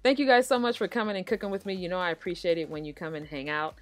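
An American woman hosts a cooking show, talking straight to viewers in a casual, conversational way as she narrates a recipe. Her voice is on the low side, animated and rapid-fire. Background music plays.

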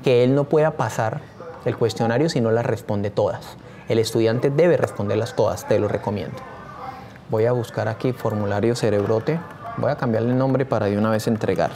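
A man's voice: on the low side, moderate pace, mellow, soft background music. A man teaching a screen-share tutorial, talking eagerly and straight to his viewers. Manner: enthusiastic, addresses viewers directly.

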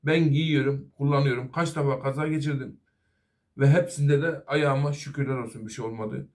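A man's voice: medium pitch, fairly even intonation, normal speed, darkish tone. A middle-aged man, a master auto mechanic, giving an earnest safety talk to fellow workers and apprentices. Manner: earnest, advising, repeatedly addressing "arkadaşlar".

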